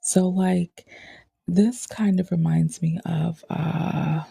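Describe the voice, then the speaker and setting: A woman musing in a casual, rambling chat, often drifting into soft whispers. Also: fairly low pitch, steady tone, slow pace, vocal fry, husky, no room sound, studio quality. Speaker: tarot reader.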